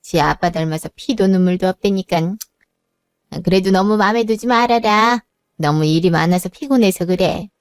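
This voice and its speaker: A woman's voice: mid-range voice, moderate pace, clear, resonant tone, no echo, clean studio sound, natural voice. A woman voicing an older mother-in-law who speaks in a firm, motherly, scolding way. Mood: firm, caring. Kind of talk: narrated drama voice acting.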